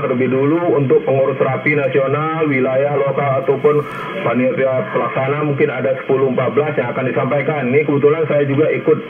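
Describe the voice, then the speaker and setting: A man on an amateur radio net, heard through a two-way radio, speaking formally and deliberately with many hesitant fillers. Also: medium pitch. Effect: two-way radio transmission. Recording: tinny two-way radio with crowd noise.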